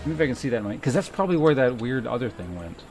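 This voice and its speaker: A man's voice: mid-range voice, very animated, quick pace. A man giving casual, off-the-cuff commentary while playing through a video game. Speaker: game streamer. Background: music.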